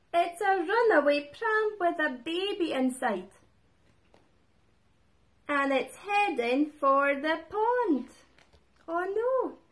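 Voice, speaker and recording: Lively woman reading a picture book. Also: very high-pitched. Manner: lively, expressive, shouts character lines. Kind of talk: storybook read-aloud for young children.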